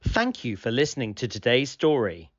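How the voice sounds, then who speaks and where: A man reading a children's storybook aloud as a channel host, in a slow, expressive, sing-song bedtime-story manner. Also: mid-range voice. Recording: slightly dull lo-fi sound.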